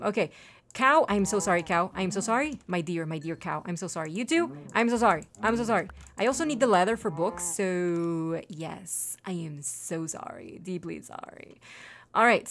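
This gaming channel host, a woman with a mid-range voice whose first language is Spanish, chats her way through a casual let's-play. She's apologetic and talkative, speaking to viewers as well as to the game's animals and trees.

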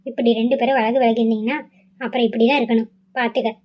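A woman's voice: steady tone, very fast, lightly acted. Woman voicing a bossy scheming mother. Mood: nagging, scheming. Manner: low, nagging, insistent. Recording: slightly dull lo-fi audio.

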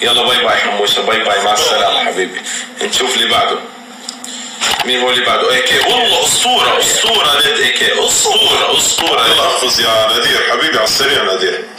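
Fast-talking man hyping gamers. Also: medium pitch, expressive, very noisy. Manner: fast, teasing, hypes up players. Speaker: gaming streamer hosting custom rooms. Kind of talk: live game commentary. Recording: roomy, distant mic, loud music.

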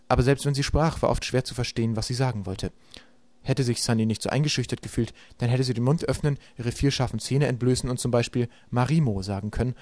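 Fast-reading male audiobook narrator. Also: medium pitch, darkish tone, dry recording. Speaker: audiobook reader. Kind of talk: narrating a children's novel.

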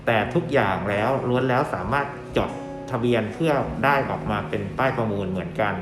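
A man's voice: mid-range voice, brisk. A man explaining things informally as a dealer and presenter, in a polite customer-service manner with courteous particles. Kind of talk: informal explainer with sales pitch. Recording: echoey room with guitar music behind. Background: plucked guitar music.

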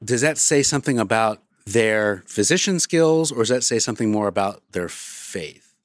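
A man's voice: lowish voice, animated, normal speed, no echo, studio quality. A man hosting a podcast, asking the guest probing, skeptical questions. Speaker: podcast host.

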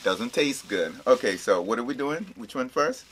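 A man with a husky voice chatting casually and playfully as he co-hosts a taste challenge, eating jelly beans while he talks. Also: medium pitch, lively intonation, moderate pace, a bit bright, slight background noise. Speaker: vlog co-host playing a taste challenge.

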